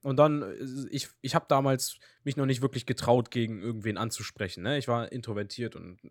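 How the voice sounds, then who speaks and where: A young man co-hosting a podcast, telling anecdotes in a lively, slangy way. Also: medium pitch, a little fast, no room sound, studio quality. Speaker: podcast co-host. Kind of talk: casual chat.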